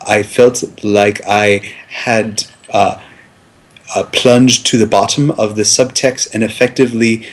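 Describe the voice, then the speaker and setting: A man playing a pompous, fussy academic film critic in an improvised comedy sketch, halting and hesitating constantly. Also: fairly low pitch.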